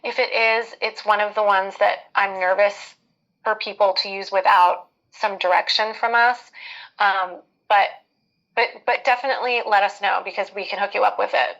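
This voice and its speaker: Female skincare educator, mid-pitched, conversational live Q&A host who hesitates and thinks out loud. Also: steady tone, normal speed, dull audio. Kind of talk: casual live Q&A advice.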